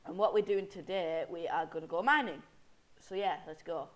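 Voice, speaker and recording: With a high-pitched voice at a moderate pace, a young gamer with a sniffly head cold narrates his play casually. He rambles, self-corrects, and throws mock anger at his foes.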